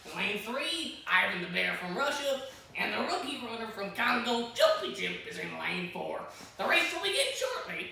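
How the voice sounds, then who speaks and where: A man performing a story, narrating with animated, playful, sportscaster-like delivery. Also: very high-pitched, moderate pace, vocal fry, a little hiss or hum. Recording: echoey room, distant mic.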